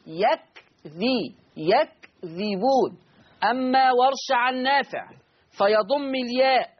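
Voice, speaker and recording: A man with an Egyptian accent teaching Quran recitation on a call-in lesson, repeating each point slowly so listeners can write it down. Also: very high-pitched, husky, muffled recording. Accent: Egyptian Arabic.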